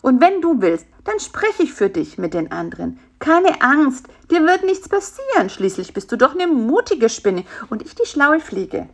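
A scheming little fly, as a woman reads him out, squeaks high and swoops wildly up and down. He is bossy and impatient, always pushing his next plan in this storybook tale. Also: sing-song, normal speed, few pauses. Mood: coaxing. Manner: bossy, eager, talks people into plans. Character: clever pushy male fly, scheming and impatient. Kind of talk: storybook character voice.

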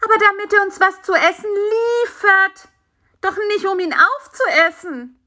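A high, shrill little male fly who bosses everyone around, as a woman puts him on. His voice leaps up and down in bright, eager bursts. He sounds like a storybook pest who always wants more to eat. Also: moderate pace. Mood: indignant. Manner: high, excited and demanding. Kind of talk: children's audiobook voice acting.

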